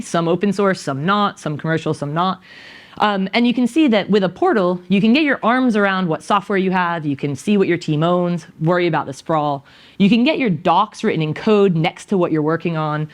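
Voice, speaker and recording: A woman in her thirties with a fairly low voice gives an energetic, conversational technical talk to a small audience in an indoor conference room. She speaks into a handheld mic, recorded by a far camera.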